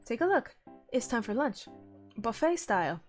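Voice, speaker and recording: A confident, bossy teenage girl who leads her class, played by a woman. She talks loud and commanding, slightly above her usual pitch, with soft music underneath. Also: sing-song, normal speed. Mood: bold.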